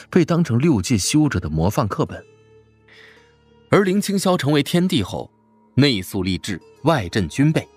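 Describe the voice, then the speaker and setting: A man narrating a fantasy web novel in an expressive storytelling style. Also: fairly low pitch, slightly rough, dry recording. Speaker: audiobook narrator.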